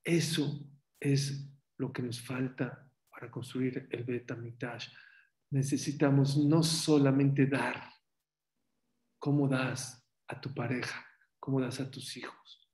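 A man teaching as a rabbi, telling stories in an animated sermon whose voice climbs sharply at dramatic moments. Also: mid-range voice, takes it slowly, reverberant. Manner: animated storyteller, voice rising sharply at dramatic points. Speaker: rabbi teaching a Torah class. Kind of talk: storytelling sermon.

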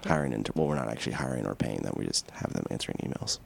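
Deep-voiced man with animated delivery. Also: racing, creaky, husky. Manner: tongue-in-cheek. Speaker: radio podcast co-host. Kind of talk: casual, joking show announcements.

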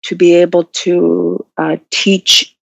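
A woman's voice: on the low side, flat delivery, takes it slowly, vocal fry. A woman from Arctic Canada, giving reflective interview answers in a hesitant way, searching for words. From Nunavut, Arctic Canada. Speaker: interview guest, Inuit language learner and business owner. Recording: dull, roomy, lo-fi call audio.

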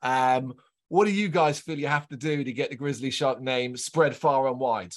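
A man hosting a podcast interview, asking measured, thoughtful questions. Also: medium pitch.

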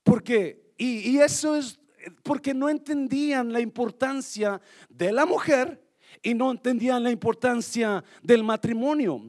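A male pastor preaching to a church, lively and joking, dropping in English phrases. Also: very high voice, unhurried. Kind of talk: sermon.

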